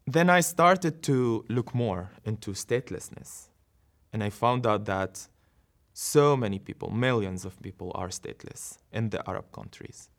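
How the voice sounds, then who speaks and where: Earnest Syrian man telling his story. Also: fairly low pitch. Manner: earnest, reflective, with short laughs and restarts. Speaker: interview guest, dancer. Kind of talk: personal storytelling in an interview.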